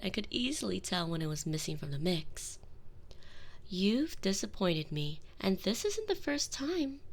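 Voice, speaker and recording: In a binaural ASMR roleplay recorded on a binaural microphone, a woman with a mid-range voice plays a commanding, possessive female vampire mistress. She speaks slowly and domineeringly, often whispering close to the ear, in a stern, scolding mood.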